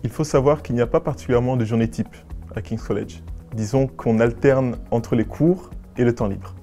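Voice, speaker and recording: A nineteen-year-old man from West and Central Africa, a business school student giving formal, measured and articulate interview answers. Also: medium pitch, music in the background. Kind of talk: prepared interview answers to camera.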